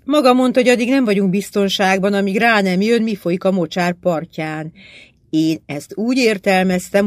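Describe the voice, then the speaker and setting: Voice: medium pitch, no echo, close to an everyday voice. A reader voicing a stubborn, determined young woman archaeologist who speaks curtly in an audiobook. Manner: curt and commanding. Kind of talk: audiobook character voice.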